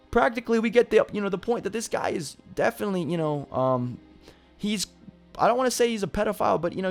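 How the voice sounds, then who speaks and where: Man talking casually over soft music. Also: a little high. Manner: casual, many fillers like "you know" and "like". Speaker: gaming YouTuber. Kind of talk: casual commentary video.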